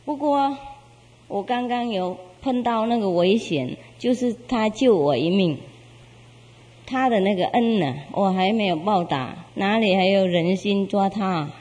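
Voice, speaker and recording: A woman telling a spiritual parable in a casual, meandering way with many fillers and soft chuckles. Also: mid-range voice, measured pace. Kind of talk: casual storytelling. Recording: long hall reverb.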